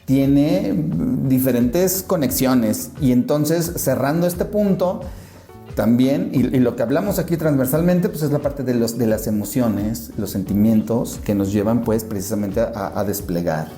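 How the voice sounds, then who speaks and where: A man hosts a relaxed podcast discussion with an energetic, restarting manner. His voice is warm and dark. The room around him sounds echoey. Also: mid-range voice, normal speed, faint music behind. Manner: energetic, many restarts, steers the conversation. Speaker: podcast host and moderator.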